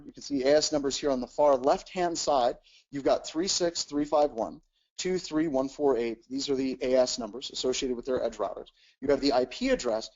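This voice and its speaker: A man presenting a technical webcast at an everyday mid pitch. He walks through each step with plenty of "uh"s and restarts. The recording sounds slightly dull and lo-fi. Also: a little mellow. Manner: explanatory, frequent "uh" and repeated words. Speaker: webcast instructor.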